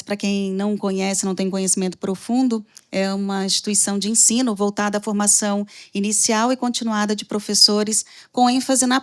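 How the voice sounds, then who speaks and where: A woman from Brazil with a Brazilian accent, speaking formally and with hesitant pauses as an institute's representative at an event opening. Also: mid-range voice.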